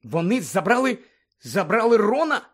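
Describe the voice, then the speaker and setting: A man's voice: high-pitched, animated, a little fast, a bit bright, voice pushed up. A man voicing an anxious teenage schoolboy wizard, strained and breathless in his speech. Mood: bewildered. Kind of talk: audiobook character voice.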